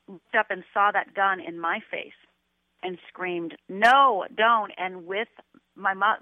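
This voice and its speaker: A woman's voice: medium pitch, dry recording. A middle-aged woman, a life coach, telling a painful personal story as a radio guest, earnest and emotional, her voice climbing when she quotes herself. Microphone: telephone. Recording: tinny phone line.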